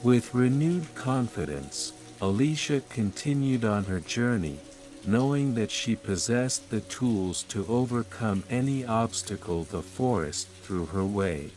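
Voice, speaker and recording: The narrator is a man with a fairly low voice, calmly and steadily telling a scripted bedtime fairytale as rain falls and soft music plays.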